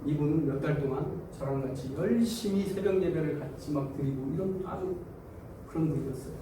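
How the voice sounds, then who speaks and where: A male pastor with a high voice preaches a storytelling sermon in a church sanctuary. He acts out people's grumbling at God in a raised, animated voice and chuckles as he speaks. He sits far from the mic in a strongly echoing hall, with faint background noise. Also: fairly quick. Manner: chuckles through his own lines.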